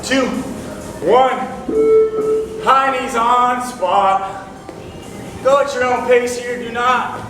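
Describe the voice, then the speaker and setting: High-voiced male aerobics instructor, very echoey. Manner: instructional, counting down, motivating the team. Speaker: fitness coach. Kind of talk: aerobics instructor calling out exercises. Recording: very echoey hall, far mic, music behind.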